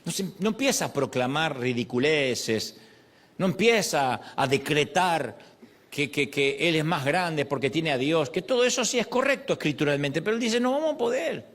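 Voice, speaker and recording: A middle-aged man delivers a sermon with a lively, swooping voice that sits a little high. He acts out prayers and quoted lines as he preaches. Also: normal speed. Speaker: pastor.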